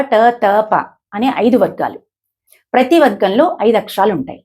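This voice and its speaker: A woman giving a lesson on pronouncing shlokas, explaining slowly and demonstrating each sound with stressed examples. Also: mid-range voice, a little mellow. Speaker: advocate teaching shloka pronunciation.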